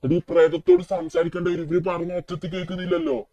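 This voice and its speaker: A man's voice: high-pitched, steady tone, quick pace, dark tone. A man voicing Michael, a worried middle-aged friend in a game video, who keeps saying he has no idea what is going on. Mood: panicky. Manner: panicky, keeps saying he doesn't know. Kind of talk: casual game role-play dialogue.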